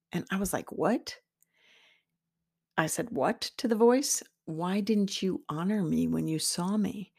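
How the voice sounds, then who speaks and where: Low gravelly woman telling a personal story. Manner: reflective, halting, with restarts. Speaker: podcast host.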